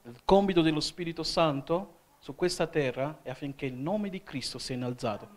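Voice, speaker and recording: A man's voice: on the high side, a little fast. A man from Italy preaching a sermon as an evangelist in a church, often calling "Amen?" to the congregation. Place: church hall.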